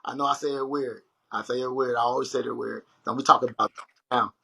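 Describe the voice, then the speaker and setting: A man's voice: mid-range voice, fast, gravelly, slightly rough, low-quality recording. A young man hosting a casual livestream chat, telling stories animatedly and speaking straight to his viewers. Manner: animated storytelling, addresses viewers as y'all. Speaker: livestream host.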